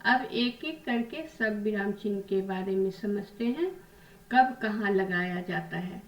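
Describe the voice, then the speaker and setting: A woman's voice: medium pitch, measured pace, roomy sound, far from the mic, low-quality recording. A woman teaching a grammar lesson to children, patiently asking questions and answering them herself.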